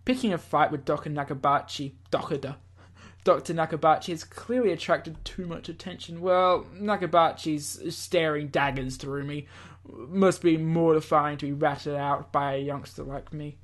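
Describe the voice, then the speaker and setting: The voice is fairly high-pitched and a bit bright, moving at normal speed. He hosts a let's play, performing a visual novel's text aloud with theatrical flair and breaking off for casual asides.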